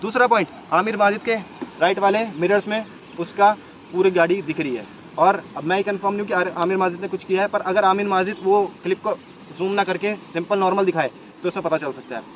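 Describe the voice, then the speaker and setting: A man's voice: sits high, a little fast. A young man vlogging outdoors, laying out his points one by one in an argumentative commentary. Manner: argumentative, makes points in a row. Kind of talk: commentary vlog. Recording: slightly dull lo-fi sound with faint noise.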